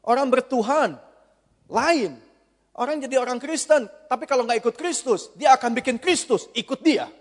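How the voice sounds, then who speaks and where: A man preaching a sermon, animated, acting out a whining child and a patient father. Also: very high voice, normal speed. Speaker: pastor. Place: large church hall. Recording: long hall reverb.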